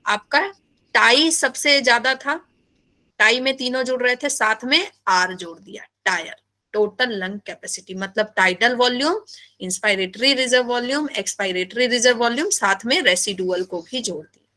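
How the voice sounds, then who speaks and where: A woman teaching biology in a live class, animated and playful, often asking her students questions. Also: a little high, moderate pace.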